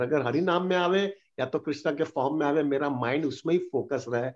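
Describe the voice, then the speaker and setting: A man answering devotional questions on a video call, earnest, mixing Hindi with English phrases and slowing down to stress points. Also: fairly high pitch, dull audio. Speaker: spiritual teacher answering questions. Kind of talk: devotional Q&A session.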